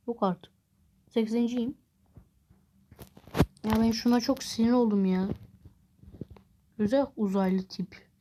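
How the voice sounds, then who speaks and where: A woman talks through a mobile game she is playing on her phone. Her voice is mellow and relaxed, and she chats along casually. She exclaims and groans whenever the game goes against her. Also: fairly high pitch, a little hiss or hum. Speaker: gameplay vlogger.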